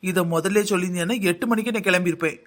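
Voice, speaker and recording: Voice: very fast, fairly bright tone, lightly acted. A voice actor doing a sarcastic village daughter-in-law. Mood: annoyed. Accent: southern Tamil Nadu. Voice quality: deep, almost mannish voice. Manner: sarcastic, complaining. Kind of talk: village comedy cartoon dub.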